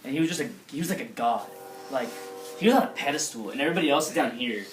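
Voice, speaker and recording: A man's voice: mid-range voice, expressive, rapid-fire, soft background music, natural voice. A man playing a vain, boastful young nephew of a famous general who brags about himself, recorded far from the mic in an echoey room. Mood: smug. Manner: self-admiring bragging. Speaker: interviewee.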